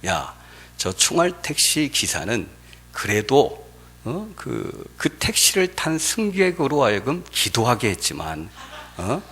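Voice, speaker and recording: A man's voice: mid-range voice, big pitch swings, slow pace, a bit bright, husky, exaggerated voice. A man voicing a blunt, stern God at judgment. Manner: blunt, curt verdicts. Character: stern all-knowing God passing judgment.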